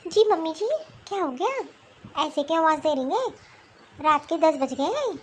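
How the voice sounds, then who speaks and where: A woman voicing a polite, weary young daughter-in-law in an animated cartoon. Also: extremely high pitch, moderate pace.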